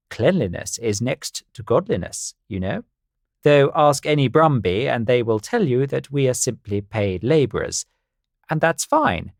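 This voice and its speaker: A man's voice: mid-range voice, vocal fry, dry recording. A man giving a wry, dry first-person storybook narration.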